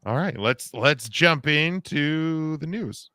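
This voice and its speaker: A man's voice: a little high, expressive, takes it slowly, pushed and bright, dry recording, clean studio sound. A man in his thirties hosting a casual wrestling podcast, joking with co-hosts and reading the news with lots of fillers. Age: 30s. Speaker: podcast host.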